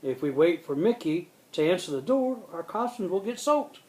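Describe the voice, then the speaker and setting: A woman voicing a practical female cartoon duck who speaks in a brisk, urging way. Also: lowish voice, big pitch swings, dark tone, low-quality recording.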